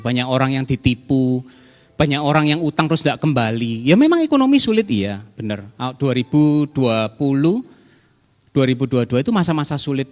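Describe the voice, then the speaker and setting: A man preaching a sermon to his congregation in a conversational way, acting out quoted callers in a raised voice. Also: mid-range voice. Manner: conversational, addresses the congregation directly. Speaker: pastor. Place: church hall. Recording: reverberant church hall with soft music.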